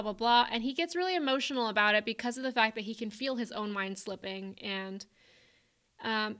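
A woman's voice: mid-range voice, sharp tone. A young woman co-hosting a podcast, chattily retelling a book's plot with lots of fillers. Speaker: podcast co-host. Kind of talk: casual book chat.

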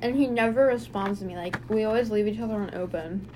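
A woman's voice: mid-range voice, quick pace, noisy background. A young woman co-hosting a casual chat, teasing her friend and chiming in with laughs. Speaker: podcast co-host.

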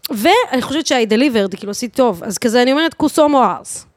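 Her voice sits slightly high and dry, free of room sound. The guest, a 31-year-old Israeli woman who sings, DJs and teaches voice, talks on a podcast in an energetic, emphatic, informal way, dropping slang and English swears.

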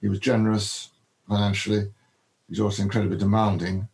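An older man, a biographer, answering interview questions in a halting way, with many ums and restarts. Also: fairly low pitch, level tone, creaky, darkish tone, poor audio.

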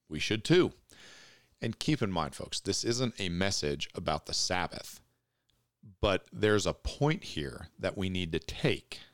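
A man with a very low voice preaches a sermon. He reads scripture aloud and then speaks directly and earnestly to his congregation. The recording is dry and close, with no room echo. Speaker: pastor.

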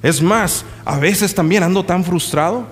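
A man's voice: high-pitched, measured pace. Impassioned preaching man in a reverberant hall. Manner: impassioned preaching mixed with folksy storytelling asides. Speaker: pastor. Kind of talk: sermon. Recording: reverberant hall with faint music.

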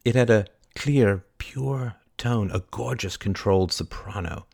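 A man narrating a historical novel in a measured, lyrical storytelling manner. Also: fairly low pitch, creaky, darkish tone, husky, no room sound, studio quality. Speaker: audiobook narrator. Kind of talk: scripted narration.

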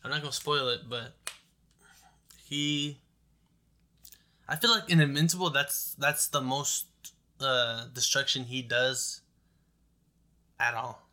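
Bright-voiced young man rambling in bro slang. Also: mid-range voice, steady tone, slow, long pauses. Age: young adult. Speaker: podcast co-host. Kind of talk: casual chat about movies.

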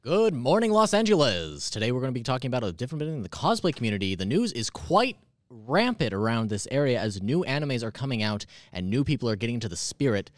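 A man putting on the voice of an upbeat male TV morning news anchor, in a bright, projected announcer delivery. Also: mid-range voice, big pitch swings, fast, no echo, studio quality, natural voice. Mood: chipper.

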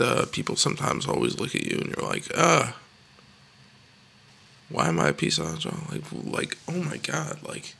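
A man's voice: a little high, vocal fry, pushed and bright, slight background noise. A young man delivering a rambling, self-deprecating comedic monologue with absurd jokes, sometimes dropping into a whisper. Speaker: comedic podcast host.

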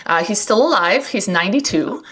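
Lively, animated woman podcast co-host. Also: medium pitch, husky. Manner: animated, excitable, quick to laugh. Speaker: physics professor. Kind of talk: casual chat.

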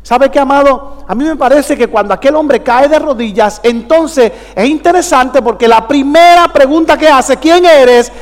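High-voiced man preaching in an echoing church. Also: moderate pace, few pauses. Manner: emphatic, calls out questions to the congregation. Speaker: pastor. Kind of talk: preached sermon.

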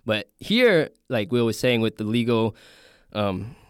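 A man telling a story in casual chat, acting out quotes with lively energy. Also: fairly low pitch, a little slow, clear, resonant tone, dry recording, studio quality. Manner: animated storytelling, acts out quotes.

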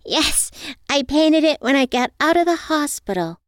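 A woman's voice: high-pitched, expressive, normal speed, no room sound, clean studio sound, voice pushed up. A woman voicing a sweet, eager, affectionate young girl in an audio story. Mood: earnest.

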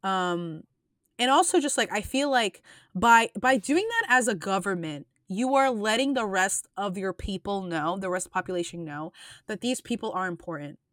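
A woman's voice: mid-range voice, expressive, moderate pace, fairly bright tone, no room sound, clean studio sound. Earnest rambling woman podcast host. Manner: earnest, rambling with many restarts and fillers. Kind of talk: casual podcast chat.

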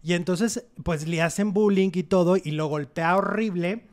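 A man with a Mexican accent co-hosting an entertainment show, chatting about celebrity gossip in an animated, dramatic way. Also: sits high, moderate pace. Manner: animated, dramatic, acts out quotes with exclamations. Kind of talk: casual gossip chat.

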